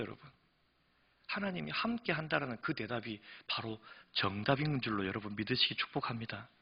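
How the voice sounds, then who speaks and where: A pastor preaching at a midweek service, his delivery swinging between hushed asides and emphatic declarations. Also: a little high, slightly rough, lo-fi sound. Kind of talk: sermon. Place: church sanctuary.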